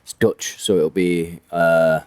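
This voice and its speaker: A man with a lowish, smooth and resonant voice talks through a racing game in a loose, chatty way. He rambles and corrects himself as he goes. The sound is dry and close. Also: little pitch movement, slow, a little mellow, no room sound. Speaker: game commentator. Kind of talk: casual gameplay commentary.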